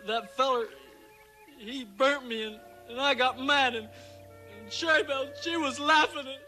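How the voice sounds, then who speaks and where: An actor playing a simple-minded, childlike, remorseful hunted man in a 1960s TV western, with halting, rustic American speech. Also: fairly high pitch, fairly even intonation, pushed and bright. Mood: pleading, agitated. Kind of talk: 1960s television western acting. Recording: old TV soundtrack with music underneath.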